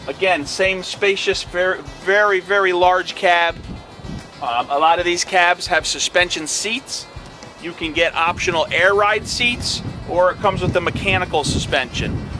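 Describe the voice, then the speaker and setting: A man's voice: sits high, a little slow, bright, forceful tone, soft background music. A middle-aged man, an equipment dealer salesman, giving a plain product walkthrough with fillers, outdoors on a lot and then inside a tractor cab.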